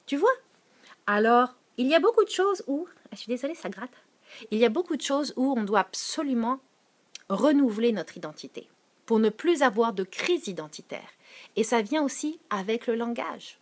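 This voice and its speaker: A woman with a Quebec French accent giving a casual, animated sermon, reading and answering viewers' comments as she goes. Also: moderate pace. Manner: animated, switching to soft low tones for scripture. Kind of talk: informal live-stream sermon.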